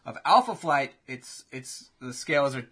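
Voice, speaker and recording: A man hosting a casual chat, telling imagined fight matchups in an animated, swearing play-by-play. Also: medium pitch, unhurried, slightly rough.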